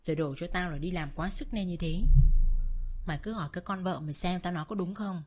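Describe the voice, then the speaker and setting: A woman's voice: lowish voice, fast, soft background music, close to an everyday voice. A woman voicing a weepy, manipulative older rural mother-in-law who wails and complains theatrically. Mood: wailing. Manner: wailing, theatrical, self-pitying.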